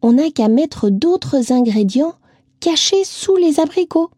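Sensible, caring girl, voiced by the female narrator; earnest, mellow tone. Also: high voice, animated, takes it slowly, dry recording, studio quality, pitched above the performer's own voice. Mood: eager.

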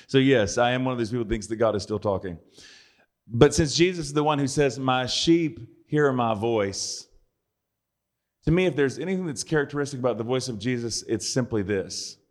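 A man's voice: mid-range voice, normal speed. A man giving a conversational sermon, with dry, joking asides. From United States. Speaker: preacher.

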